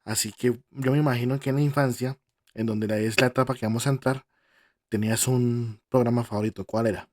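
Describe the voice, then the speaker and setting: Mellow man hosting a podcast. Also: medium pitch, steady tone, a little fast, dry recording, studio quality. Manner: jokey, gives playful directions. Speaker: podcast host. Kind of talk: casual interview chat.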